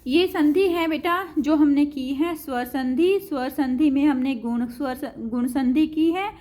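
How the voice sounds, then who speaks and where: A woman's voice: sits high, measured pace, dark tone. A woman teaching a grammar lesson to school pupils, patiently repeating each example and addressing the pupils as children.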